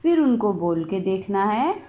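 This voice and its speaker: A woman's voice: medium pitch, very animated, warm tone. A woman teaching a primary school class, asking and answering simple questions and explaining words one by one. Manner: slow, deliberate, explains word by word to children. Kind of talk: slow classroom lesson for young children.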